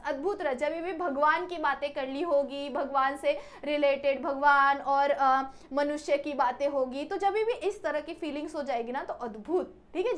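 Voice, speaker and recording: A woman with a high-pitched voice teaches an exam-prep grammar class. She keeps asking the class questions and answering them herself, often checking in with a quick "okay". She mixes English words into her teaching.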